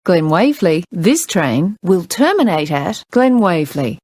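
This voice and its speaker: An Australian woman giving formal, pre-recorded train announcements in measured, separate phrases, with words and station names sounding spliced together. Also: lowish voice, very animated, a little mellow, dry recording, clean studio sound.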